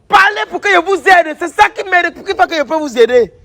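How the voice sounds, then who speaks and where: A man's voice: very high voice, lively intonation, a little fast, bright, forceful tone. A man playing a traditional healer who scolds and accuses, repeating his lines over and over. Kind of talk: staged confrontation sketch.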